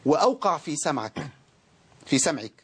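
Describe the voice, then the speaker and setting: A man with an Egyptian Arabic accent teaching Quran recitation in a TV studio, explaining eagerly and stretching sounds out slowly to demonstrate them. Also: a little high, big pitch swings, slight background noise. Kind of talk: televised teaching lesson. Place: television studio.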